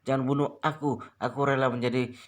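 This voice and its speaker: A man's voice: fairly low pitch, fairly even intonation, normal speed, close to an everyday voice. A man voicing a frightened young rich heir who begs and stammers. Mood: begging. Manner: pleading, stammering.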